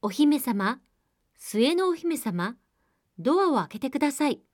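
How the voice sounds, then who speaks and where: A woman voicing a squat, persistent male frog who speaks courteously and pleads in drawn-out calls. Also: mid-range voice, animated, a little mellow, no echo, studio quality, natural voice. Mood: pleading.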